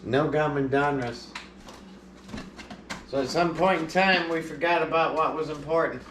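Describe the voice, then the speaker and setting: A man's voice: on the high side, normal speed, fairly bright tone, slight background noise. A man hosting a card collecting vlog, talking in an earnest, reflective way. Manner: earnest, reflective, nostalgic musing. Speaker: sports card collecting channel host. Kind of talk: casual vlog monologue. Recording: echoey room.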